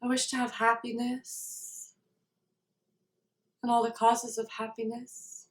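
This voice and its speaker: A woman guiding a meditation in a slow, soft, calm way. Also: on the high side. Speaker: meditation guide. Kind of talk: guided meditation. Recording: roomy sound, somewhat far from the mic.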